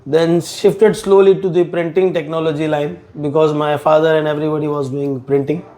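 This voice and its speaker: Middle aged mumbai guy, marathi indian accent, slightly high voice, drops hindi words while chatting in an interview. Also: flat delivery, a little fast, warm tone. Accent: Marathi-influenced Mumbai Indian English. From South Mumbai, India. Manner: mixes Hindi words into English. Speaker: podcast guest, business partner. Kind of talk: conversational interview, recounting career.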